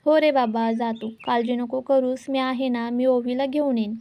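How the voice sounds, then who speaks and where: A woman's voice: a little high, fairly even intonation, moderate pace, warm tone, close to an everyday voice. A woman reading the lines of a kindly but commanding grandmother in a TV serial retelling. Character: kindly, brisk grandmother of the house.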